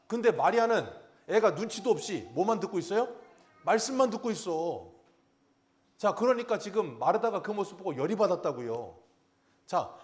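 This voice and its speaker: Man preaching, pastor, slightly raised pitch, asks and answers his own questions, sermon delivery. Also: darkish tone. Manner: asks the congregation questions and answers them himself.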